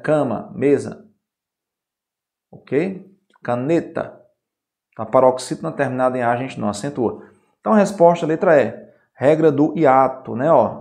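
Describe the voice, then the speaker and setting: A middle-aged man with a Brazilian Portuguese accent talks through grammar questions for exam students. He explains step by step and keeps checking that his listeners follow. His voice sits at an ordinary pitch for a man. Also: a little mellow. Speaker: Portuguese teacher. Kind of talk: exam-prep grammar lesson.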